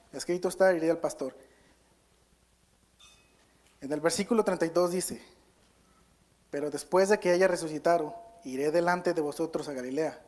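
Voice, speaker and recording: Male pastor, higher-pitched voice, earnest and halting, pausing to correct himself, reading scripture aloud with emphasis. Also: a little mellow. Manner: reads scripture aloud with stress on key words. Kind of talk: Spanish-language sermon with Bible reading.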